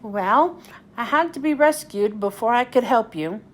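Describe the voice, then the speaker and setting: Woman voicing Cranky, an animated, bossy crane. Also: fairly high pitch, measured pace. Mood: grudging. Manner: bossy, complaining. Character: bossy, cranky male dockside crane, grudgingly apologetic.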